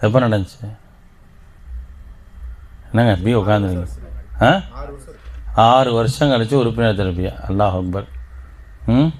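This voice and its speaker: A man's voice: fairly low pitch, a little slow, long pauses, darkish tone. Man preaching, quizzing his listeners. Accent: Tamil Nadu. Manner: interactive, quizzes the audience with questions. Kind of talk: Islamic teaching talk to members. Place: outdoor garden gathering.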